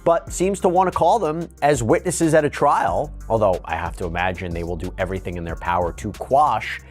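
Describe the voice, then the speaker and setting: A man's voice: lowish voice, a little fast, faint music behind. A man giving legal news commentary, part read and part in his own words. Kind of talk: news commentary with scripted quotes.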